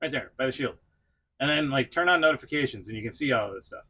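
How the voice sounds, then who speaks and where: Fast-talking and animated, a middle-aged toy review host speaks to viewers directly, chatty and quick to mock himself. His medium-pitched voice is bright and husky, with a forceful tone.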